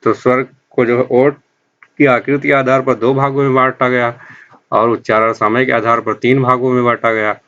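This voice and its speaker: A male teacher explains grammar for exam prep. He asks questions, answers them himself, and repeats key terms slowly. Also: medium pitch, little pitch movement, a bit bright. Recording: dull lo-fi sound.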